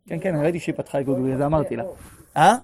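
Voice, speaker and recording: A man teaching a live class on prayer, leading guided imagery with questions and building to loud exclaimed refrains. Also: fairly high pitch, a little hiss or hum. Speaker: religious teacher.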